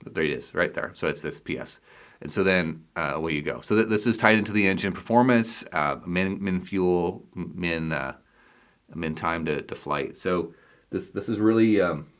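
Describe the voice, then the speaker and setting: A man's voice: deep voice, a bit bright. A man from Canada giving a technical lecture, thinking aloud and restarting phrases as he works through equations. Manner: halting, thinks aloud while writing equations.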